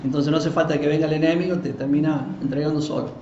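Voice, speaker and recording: A high-voiced male pastor teaches in a lively, conversational way and slips into the voices of the people he quotes. The recording is dull, with a roomy echo and a faint hiss. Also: quick pace. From Argentina. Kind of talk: live Bible teaching.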